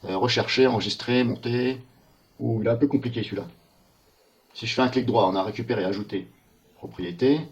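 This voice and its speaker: A man talks through a software walkthrough while recording his screen. He thinks aloud and mutters in puzzlement as he clicks through the menus. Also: medium pitch, brisk, long pauses, lo-fi sound. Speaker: software tester.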